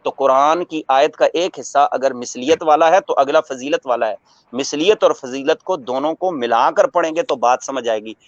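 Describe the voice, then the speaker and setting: A man giving a religious talk as a scholar, preaching in a measured way, quoting Arabic verses and explaining them with everyday examples. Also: mid-range voice, dry recording. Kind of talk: religious talk on a radio broadcast. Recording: muffled radio broadcast audio.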